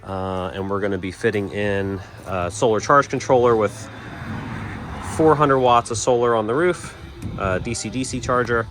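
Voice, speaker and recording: A man casually walking through an installation job he did, talking in a relaxed way with frequent fillers. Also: on the low side, normal speed, slight background noise.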